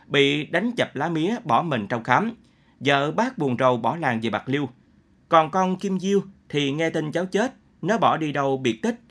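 A man's voice: a little high, fairly bright tone. A man voicing a tearful elderly village elder in a read story, with trembling, wailing exclamations.

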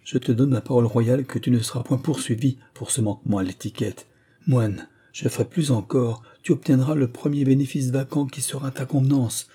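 A man's voice: medium pitch, fairly even intonation, fairly quick, mellow, breathy edge, pitched above the performer's own voice, natural voice. A man reading aloud, voicing a dying old king who gasps and begs for air. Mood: desperate. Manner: gasping, desperate cries.

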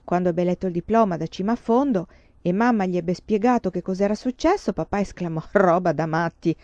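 A woman reading a novel aloud in a calm, measured storytelling manner. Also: mid-range voice, no echo, lo-fi sound. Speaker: audiobook reader.

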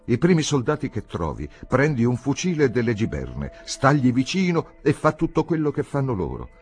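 A man's voice: medium pitch, wildly swooping pitch, moderate pace, voice pushed up. A man reading aloud voices a bossy, motherly army canteen woman who chides and gives orders in a commanding, street-wise way. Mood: chiding.

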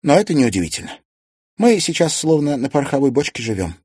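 A male audiobook reader voicing a calm, sensible teenage girl with a wry, advising manner. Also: fairly high pitch, quick pace, breathy edge, no echo, studio quality, pitched above the performer's own voice. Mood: thoughtful. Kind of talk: audiobook character voice.

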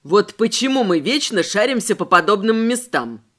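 A woman voicing a teasing young man who grumbles and mocks in a lowered voice. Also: very animated, moderate pace, a bit bright. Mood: grumbling. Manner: mocking, lowered voice.

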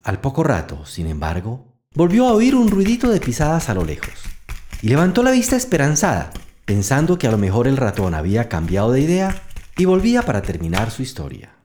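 A man's voice: mid-range voice, wildly swooping pitch, brisk, slight background noise. Guy reading a kids story at home, talks to the listener, voice jumps all over. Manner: warm, addresses listener directly. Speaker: children's program host and storyteller. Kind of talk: storybook narration. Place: home studio, dog beside him.

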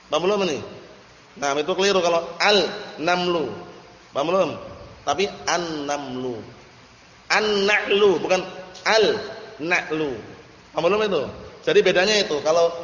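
A man's voice: sits high, fairly bright tone. A man teaching an Arabic lesson in a classroom style, often stopping to ask the students if they understand. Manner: drills students with repeated checks for understanding. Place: large hall, study gathering. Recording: echoey hall, dull lo-fi audio.

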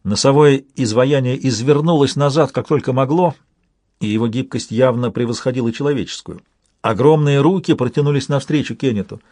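A man's voice: mid-range voice, fairly quick, mellow, no room sound. Man narrating an audiobook, dry sound. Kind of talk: scripted narration.

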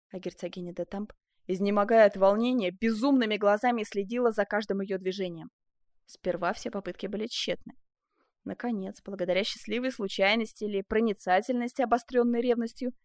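A woman narrating a historical novel in an even, expressive reading. Her voice is mid-pitched, recorded close on a dry studio mic. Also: dry recording. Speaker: audiobook narrator. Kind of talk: scripted literary narration.

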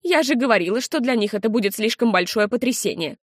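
Женщина читает за строгую пожилую тётю. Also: female voice, on the high side, animated, fast talker, no echo, clean studio sound. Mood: reproachful. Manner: firm, reproachful. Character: stern older woman, reproachful aunt.

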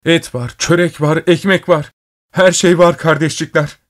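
A man's voice: medium pitch, normal speed, clear, resonant tone, voice pushed up, lightly acted. A man voicing a hungry young student who talks in a raised, eager voice. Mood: joyful.

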